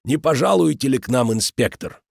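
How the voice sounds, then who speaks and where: A man's voice: medium pitch, animated, a little fast, creaky, no echo, studio quality, voice pushed up. A man voicing a jovial middle-aged innkeeper with a hearty, theatrical manner.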